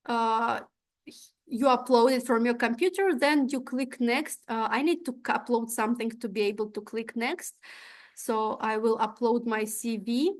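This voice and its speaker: At a moderate pace, a young woman from Tajikistan with a high voice guides listeners through applying to an exchange program. She is a native Russian speaker, and her instructional walkthrough proceeds step by step with many "uh"s and "right?" checks.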